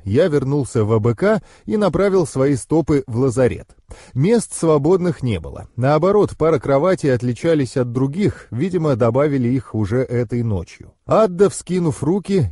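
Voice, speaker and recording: A man reads a fantasy audiobook in the first person, telling the story expressively. His pitch moves in a lively way and his tone is mellow and warm. The recording is close and dry. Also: dry recording. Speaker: audiobook narrator. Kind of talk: scripted narration.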